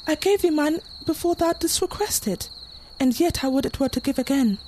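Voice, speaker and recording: A woman's voice: high-pitched, lively intonation, fairly quick, mellow, slight background noise. A young woman acting a passionate, anxious girl in love, delivering Shakespearean verse earnestly in an audio play. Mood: anxious, tender. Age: young adult. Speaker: student actor.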